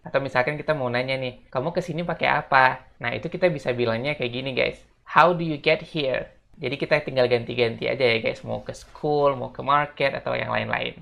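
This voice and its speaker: A casual language teacher explaining everyday phrases, slowing down to model each one and often tagging "gitu, guys". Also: medium pitch, fairly even intonation, gravelly, fairly bright tone. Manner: slows down to model English phrases. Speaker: English teacher.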